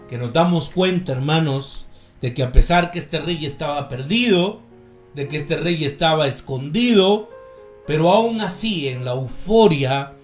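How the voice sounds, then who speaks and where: Guatemalan preacher guy, slow and careful, kinda high voice, roomy echo w soft guitar behind. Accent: Guatemalan Spanish. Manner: slow, measured preaching, often addressing listeners as brothers. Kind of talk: sermon with scripture reading.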